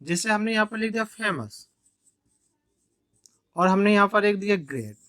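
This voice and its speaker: A man's voice: sits high, animated, moderate pace, bright, forceful tone, no echo, studio quality. Hindi-speaking man teaching English grammar. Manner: explaining step by step, repeats key points. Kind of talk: classroom grammar lesson.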